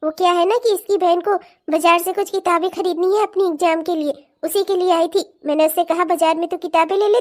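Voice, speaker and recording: A woman voicing a protective cartoon mother. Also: very high-pitched. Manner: tender, warm-hearted, quick to defend. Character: fond, protective middle-aged mother of the bride.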